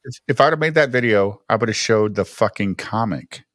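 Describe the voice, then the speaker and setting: A man in casual stream chat who keeps pressing the same point. His voice is mid-pitched. It sounds dry, with no room sound. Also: normal speed, a bit bright, no echo.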